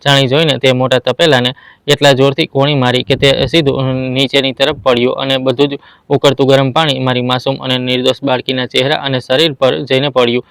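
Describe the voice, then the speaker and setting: A man narrating a family drama story in a steady, even storytelling manner. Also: mid-range voice, brisk, gravelly, dry recording. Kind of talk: scripted narration.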